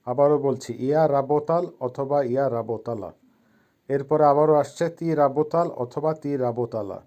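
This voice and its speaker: A man's voice: medium pitch, moderate pace, warm tone, muffled recording. A man giving a step-by-step language lesson over a screen, saying each word and then repeating it for the learner. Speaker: language teacher.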